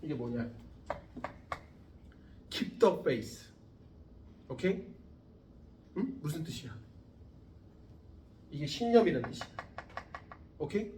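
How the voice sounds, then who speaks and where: A physics tutor in his thirties speaks a little high and slowly, leaving long pauses, during a classroom lecture. He jokes, swears casually and chats animatedly with students, captured off-mic in an echoey classroom with slight background noise.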